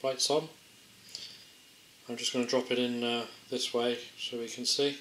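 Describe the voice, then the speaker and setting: Slightly bright and mid-range, this man's voice stays level and runs a little slow. He's an amateur tester walking through a gadget hands-on, unscripted and casual, thinking out loud in a hesitant, low-key way. The recording carries roomy echo, clicks and faint background noise.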